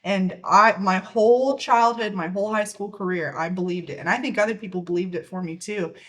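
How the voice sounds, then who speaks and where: A woman's voice: medium pitch, brisk. A young woman co-hosting a casual podcast, a little out of breath, chatting with frequent restarts and laughs. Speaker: podcast co-host.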